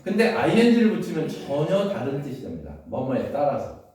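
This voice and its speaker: Speaking to a classroom of students about an English exam passage, a male English teacher uses a fairly high voice with lively rises and falls. Quick questions keep confirming that they follow, and his speech moves between polite and casual registers. The mic is far away, so heavy room echo surrounds him.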